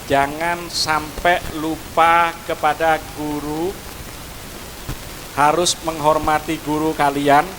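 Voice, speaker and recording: A man from Madura with a Madurese accent gives a preachy school graduation speech outdoors to parents and students, addressing them with Javanese honorifics. His voice is on the high side and fairly bright, in a low-quality recording with a little hiss or hum.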